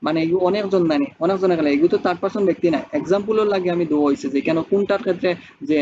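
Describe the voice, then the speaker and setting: A man's voice: high-pitched, racing, dark tone, lo-fi sound, slight background noise. A man teaching spoken English, who explains step by step and keeps asking rhetorical questions.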